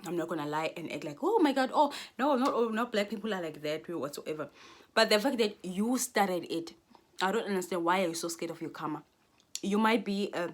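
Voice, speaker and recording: Speaking to camera as a vlogger, this Xhosa-speaking South African woman in her twenties delivers a rambling, earnest monologue with frequent restarts. Her pitch is fairly low.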